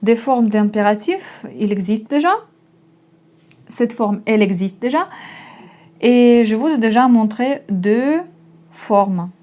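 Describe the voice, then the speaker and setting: Lady giving a language lesson, takes her time, soft dark tone. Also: fairly high pitch. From Russia. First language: Russian. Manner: slow, patient explaining with repetitions. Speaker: Russian language teacher.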